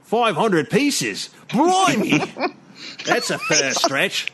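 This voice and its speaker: A man's voice: medium pitch, animated, fast talker, noisy background, close to an everyday voice. A man putting on a blustering cockney carpenter. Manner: loud, laughing, mock working-class bluster. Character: brash cockney-ish male carpenter of the Eyrie.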